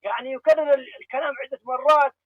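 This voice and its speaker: A man's voice: very high-pitched, fairly even intonation, fast, lo-fi sound. A man in a religious debate who keeps explaining and asking to finish his point.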